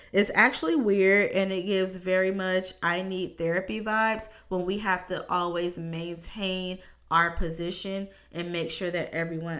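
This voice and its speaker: A woman giving an earnest, measured talk on parenting, speaking with emphasis and deliberate pauses. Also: on the low side, fairly bright tone.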